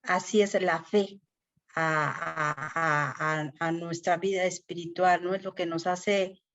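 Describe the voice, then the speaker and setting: A woman's voice: fairly low pitch, fairly even intonation, takes it slowly, a bit bright, highs cut off. A middle-aged woman, sharing a personal faith testimony in a Bible study class, earnest and emotional with many fillers.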